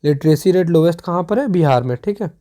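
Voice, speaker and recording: A teacher giving a step-by-step exam revision lesson. The teacher often pauses to check that students follow. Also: medium pitch, lively intonation, warm tone. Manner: explains step by step with many checks for understanding.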